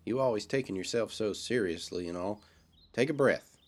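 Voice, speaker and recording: A man's voice: lowish voice, normal speed, natural voice. A man playing a brash, wisecracking male hero sidekick who hosts a podcast, talking in a folksy, teasing, swaggering way. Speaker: podcast host.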